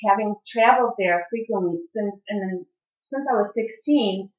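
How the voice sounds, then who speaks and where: This middle-aged woman speaks in a mid-range voice at a moderate pace. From the Chicago area and fluent in English and Italian, she is an earnest interview guest in a casual conversation, often using fillers and restarting. The sound is dull and roomy, as if recorded from a distance.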